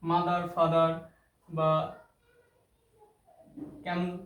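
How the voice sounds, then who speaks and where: High-voiced man teaching grammar. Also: monotone, extremely slow, muffled recording. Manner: repeats key terms and asks rhetorical questions. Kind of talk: classroom-style explanation. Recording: echoey room with faint noise.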